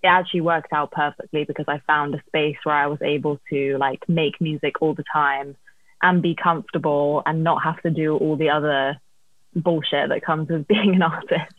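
A woman's voice: low voice, fairly even intonation, moderate pace, no echo, phone-quality sound. A woman songwriter being interviewed, chatting casually about her career over thin call audio. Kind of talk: casual chat, telling career story.

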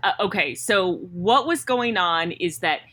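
A woman's voice: on the low side, expressive, unhurried, pushed and bright, no room sound. A woman hosting an interview, thoughtfully summarizing her guest's story. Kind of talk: interview conversation.

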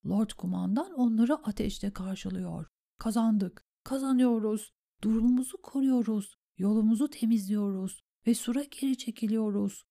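Woman as a frightened young man, hushed, tense delivery, mellow tone. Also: a little high, normal speed, creaky, voice pushed up. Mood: anxious. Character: frightened young man writing battle messages.

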